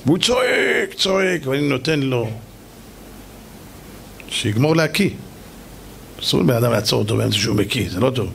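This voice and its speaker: A middle-aged man, a rabbi, telling stories in a lively sermon and acting out the people in them. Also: medium pitch, gravelly, long pauses, slight background noise. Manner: animated, acts out shouting voices, jokes with audience. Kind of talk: storytelling sermon.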